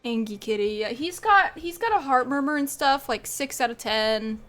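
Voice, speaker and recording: High-voiced chatty woman streamer. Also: animated, normal speed, a bit bright, faint music behind. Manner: rambling, chatty, laughs often. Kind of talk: casual live-stream chat while gaming.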